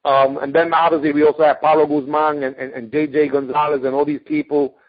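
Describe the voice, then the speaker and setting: A man hosting a casual radio interview, telling stories with lively acted-out quotes. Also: fairly high pitch, a little fast. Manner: animated storyteller, acts out quotes. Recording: phone-like radio audio.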